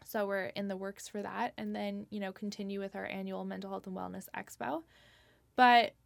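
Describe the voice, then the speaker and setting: A woman's voice: mid-range voice, little pitch movement, moderate pace, vocal fry, dry recording. A young woman, chatting casually as a guest about community events, full of fillers and "like". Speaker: guest, nonprofit organizer. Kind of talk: casual interview talk.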